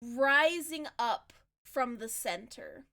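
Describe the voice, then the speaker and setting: Woman game master, bright and high, relaxed narration with easy laughs. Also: slow.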